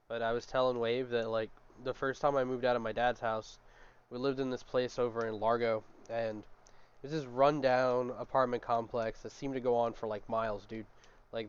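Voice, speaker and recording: Young man, podcast host, rambling casual storyteller, smooth clear voice, dull lo-fi sound. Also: mid-range voice. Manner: rambling storyteller, many fillers like "like" and "dude". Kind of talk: casual chat. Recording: muffled lo-fi mic.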